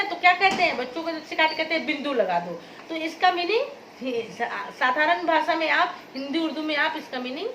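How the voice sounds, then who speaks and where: A woman teacher giving a grammar lesson, patient, repeating key words and asking if it is clear. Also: sits high, a bit bright, reverberant, a little hiss or hum, rough recording. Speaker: school teacher. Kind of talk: classroom Hindi grammar lesson.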